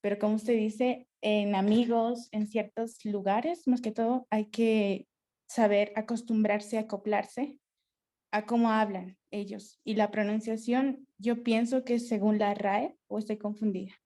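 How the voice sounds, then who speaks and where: A woman's voice: mid-range voice, steady tone, a little slow, dark tone. A woman student asking her teacher a question, hesitant and thinking aloud as she talks. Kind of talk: classroom question.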